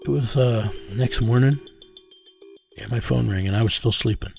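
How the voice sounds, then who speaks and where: A man's voice: mid-range voice, moderate pace, vocal fry, dark tone, soft background music. A middle-aged man from the United States, an interview guest telling a matter-of-fact first-person story about his vigilante work. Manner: plain, matter-of-fact telling with reenacted dialogue.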